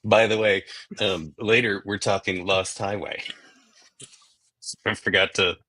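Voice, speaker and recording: A man's voice: on the low side, steady tone, slow pace, pushed and bright, no echo. A man co-hosting a podcast in casual chat, hesitant and restarting his sentences. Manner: hesitant, many fillers and restarts. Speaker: podcast co-host.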